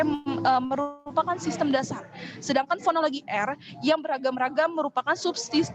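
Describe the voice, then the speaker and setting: High-voiced young woman reading a class presentation. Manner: measured, reads from notes, occasional hesitations. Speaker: student presenter. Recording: dull lo-fi recording.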